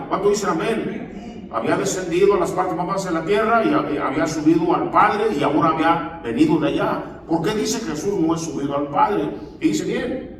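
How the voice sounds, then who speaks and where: A man's voice: on the high side, slight background noise. Male pastor preaching in an echoey church. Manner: call-and-response preaching, often asking the congregation for amens. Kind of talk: sermon. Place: church hall. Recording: echoey hall, voice far from the mic.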